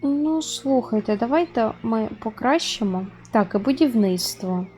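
A woman's voice: a little high, expressive, unhurried, mellow, soft background music. A woman giving casual gameplay commentary, chatting straight to her viewers as she plays. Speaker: gaming video host.

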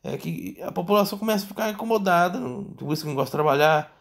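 Speaking in a high-pitched, gravelly voice, a Brazilian-accented man who vlogs political commentary riffs on the news casually and off the cuff. His delivery is rambling, halting, and repetitive, peppered with tag questions.

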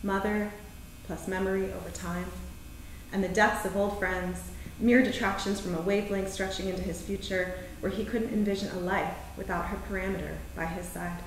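On an indoor theater stage, a poet reads her own poems and prose at a live event, with short spoken introductions. Her medium-pitched voice stays fairly even in intonation at a moderate pace. A distant camera mic makes the recording very echoey, with faint noise.

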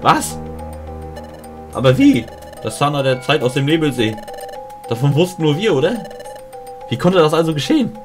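A man reading the lines of an excitable young partner character from a video game, in a raised, excited voice. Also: on the high side, moderate pace, long pauses, music in the background, pitched above the performer's own voice. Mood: alarmed.

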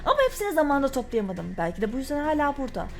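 A woman's voice: high voice, expressive, very fast, gravelly. A woman hosting a gaming channel, giving jumpy, frightened commentary on a horror game and reading its notes aloud to viewers.

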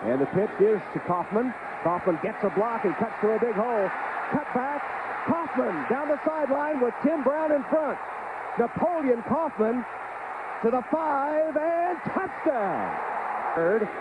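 A man giving live play-by-play commentary on a football game. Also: sits high. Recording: dull broadcast, loud stadium noise.

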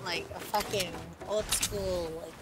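A woman's voice: lowish voice, steady tone, very noisy. A tipsy woman teammate talking crudely and teasingly over game voice chat. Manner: crude, teasing, slow and drawling. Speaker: random teammate. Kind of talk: casual voice chat.

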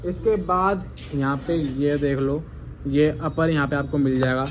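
High-pitched man giving a salesy shop tour. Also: fairly even intonation, unhurried. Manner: salesman-like, repeats prices and catchphrases. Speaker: vlogger presenting a clothing shop. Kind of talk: enthusiastic promotional shop-tour commentary. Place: indoors in a small clothing shop. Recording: noisy shop ambience.

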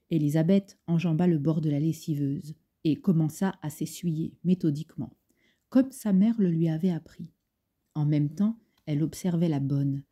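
Low, husky woman reading a novel. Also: dark tone. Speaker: audiobook reader. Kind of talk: scripted narration.

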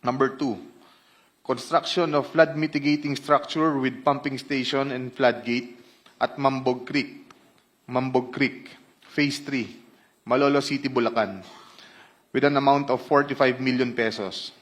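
A man's voice: mid-range voice, fairly even intonation, measured pace, pauses often. A man with a Filipino accent giving formal testimony as a witness, reading out a statement that mixes Tagalog and English.

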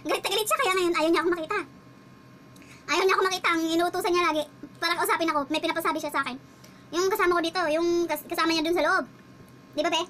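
A chatty woman vlogger telling a story about her job as a driver, laughing as she goes. Her voice is very high and bright, and she talks quickly. A faint room ambience hums behind her. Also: steady tone, a little hiss or hum. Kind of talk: casual storytelling vlog.

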